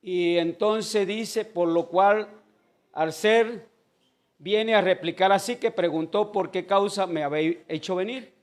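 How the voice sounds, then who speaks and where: A man's voice: high voice, slow. A man, a pastor preaching a sermon, retelling a scripture story in plain words and putting questions to the congregation.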